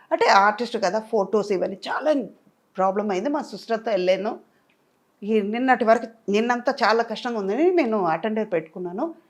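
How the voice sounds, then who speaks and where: Older woman interviewee, tired, expressive and devout. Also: medium pitch. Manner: expressive, devotional, sings softly at times. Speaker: actress interviewee. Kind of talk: casual interview chat.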